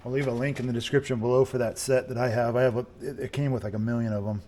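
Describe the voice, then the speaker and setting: This channel host, an amateur car mechanic, speaks in a mid-range, steady, slightly mellow voice at a rapid-fire clip. He narrates a relaxed how-to while working with his hands, musing aloud with a bit of hesitation. Background noise fills the room as he wanders off mic.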